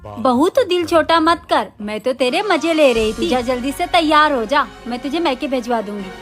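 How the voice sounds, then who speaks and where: A woman's voice: high-pitched, expressive, moderate pace. A woman playing a mother-in-law who is fond of her daughter-in-law but keeps charge of the house. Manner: fond and gently bossy. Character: affectionate older mother-in-law. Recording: faint music behind.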